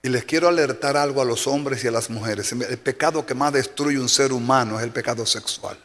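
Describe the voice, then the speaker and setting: Faint music and long reverb surround a Dominican man preaching a sermon in a church sanctuary. His mid-range voice is fairly bright and a little fast, with a Dominican Spanish accent, and he emphatically repeats key phrases for effect.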